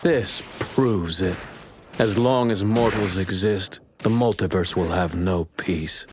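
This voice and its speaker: In an English anime dub, a male actor voices a haughty young divine apprentice who holds mortals in cold contempt. His low voice moves slowly through formal, pompous, precise phrasing, delivering cold condemnation against a noisy background.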